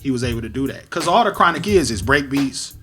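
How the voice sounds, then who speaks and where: A Detroit man hosting a podcast talks shop about music production in a casual conversational interview. His voice is medium-pitched with a fairly bright tone, and he's animated and fast, mixing slang with analysis.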